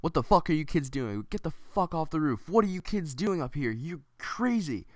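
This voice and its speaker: A man yelling as a furious cursing guard. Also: on the high side, sing-song, normal speed, no echo, pitched above the performer's own voice. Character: furious heavyset male party-venue worker.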